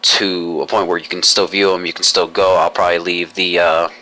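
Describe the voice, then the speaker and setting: Deep flat-voiced young man vlogging. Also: brisk. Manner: formal, long-winded phrasing with many restarts. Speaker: YouTuber. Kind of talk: rambling vlog monologue.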